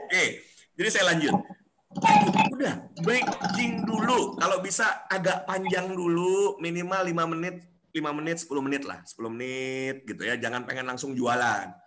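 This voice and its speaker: A man giving a coaching class, animated and acting out the people he quotes. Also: fairly high pitch, normal speed, slight background noise. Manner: animated, acts out quoted voices.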